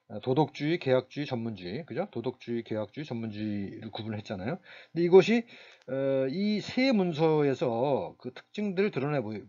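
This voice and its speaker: A man giving a recorded university lecture, speaking haltingly with many fillers and restarts. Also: mid-range voice, a little mellow, lo-fi sound.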